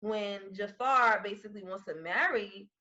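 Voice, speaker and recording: A woman's voice: medium pitch, unhurried, bright, forceful tone, lo-fi sound. A woman hosting a casual podcast chat, talking in a loose, slangy way with joking asides. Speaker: podcast host.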